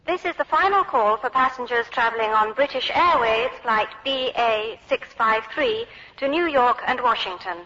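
Formal adult airport announcer, measured delivery, long echo, muffled course recording. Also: female voice, fairly high pitch, pushed and bright. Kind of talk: scripted public address announcements. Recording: muffled echoey hall.

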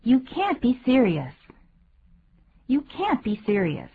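A woman co-hosting a radio English lesson, reading dialogue lines slowly and clearly and adding short notes in Mandarin. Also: a little high, wildly swooping pitch, narrow, tinny audio, a little hiss or hum. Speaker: English co-host.

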